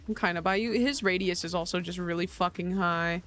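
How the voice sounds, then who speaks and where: A man's voice: high-pitched, steady tone, fairly quick, a bit bright, faint music behind. A man streaming a video game, chatting casually, joking, laughing often and swearing freely, tired after little sleep. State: tired after a long night.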